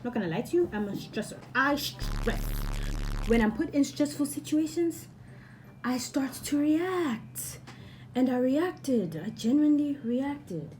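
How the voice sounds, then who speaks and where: Animated woman telling a story. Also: fairly high pitch, a little hiss or hum. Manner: animated, rambling, repeats herself. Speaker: vlogger. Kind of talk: storytime vlog.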